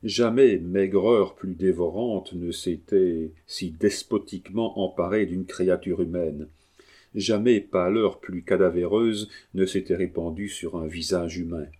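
Deep-voiced guy narrating an audiobook, steady and dramatic. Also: slightly rough. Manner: measured, dramatic reading. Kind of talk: audiobook narration of a classic novel.

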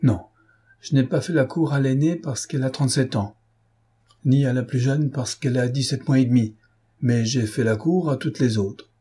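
A man's voice: mid-range voice, normal speed, dark tone, slightly rough, voice pushed up, natural voice. A man doing a cocky young officer. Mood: boastful. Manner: boastful, mocking. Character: boastful young male army officer, cocky and teasing.

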